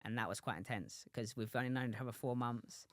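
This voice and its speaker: A man's voice: mid-range voice, fairly quick, no echo, studio quality. A man in his twenties, a professional boxer, chatting as a podcast guest, rambling with many restarts and asides. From England. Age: 20s. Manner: rambling, many restarts and "do you know what I mean". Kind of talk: casual interview chat.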